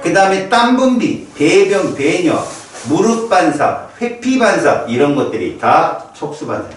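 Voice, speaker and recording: A man teaching a biology class, lecturing in a lively, playful way and acting out little reactions for the students. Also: fairly high pitch, a little slow. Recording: echoey room from far off.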